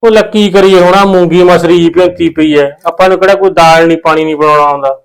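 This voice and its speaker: A man's voice: on the high side, fairly even intonation, quick pace, vocal fry, clean tone. An actor playing a worried village man with a Punjabi accent, muttering to himself. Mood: fretting. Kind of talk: village short film acting.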